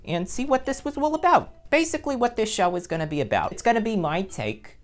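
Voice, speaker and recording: A woman's voice: medium pitch, big pitch swings, fairly quick, faint music behind, lightly acted. A woman playing a sassy rambling nun. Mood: chatty. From New Jersey. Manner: rambling, sassy, full of self-interrupting asides. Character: chatty sassy middle-aged nun teacher, woman. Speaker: vlog host. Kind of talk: comedic character vlog.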